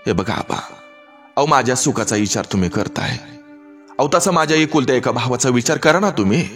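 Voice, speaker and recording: A man's voice: mid-range voice, lively intonation, brisk, a bit bright, faint music behind, natural voice. A man voicing a proud, defiant young village woman with a rural Marathi accent, speaking in a raised, impassioned way. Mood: defiant, indignant.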